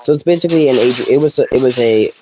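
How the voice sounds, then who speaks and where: Man, casual gameplay commentator, rambling delivery, mid-pitched voice, noisy recording. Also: very fast. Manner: rambling, restarts sentences, laughs at own jokes. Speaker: gaming commentator. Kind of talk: casual commentary while playing.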